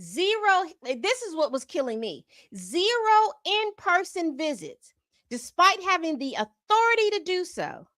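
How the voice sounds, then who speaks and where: A woman's voice: very high voice, very animated, measured pace, a bit bright, dry recording. A woman hosting a commentary channel, reading from a report and breaking off into exasperated asides. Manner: reads documents aloud then comments with exasperated asides.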